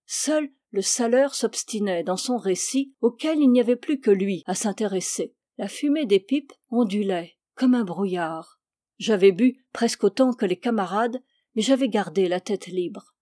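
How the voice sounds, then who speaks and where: A woman reading a classic tale aloud in a measured, expressive storytelling manner. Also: medium pitch, no echo, clean studio sound. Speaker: reader.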